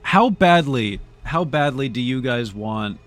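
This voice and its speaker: This game streamer has a medium-pitched, fairly bright voice that is animated yet a little slow. His live commentary is casual and playful, and he hams up his deliberations with the chat.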